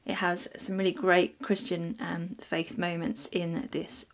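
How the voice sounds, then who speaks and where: A woman's voice: lowish voice, level tone, a little slow. Chatty woman reviewing books. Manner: chatty, many ums and restarts. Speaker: book reviewer. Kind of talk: casual book review vlog.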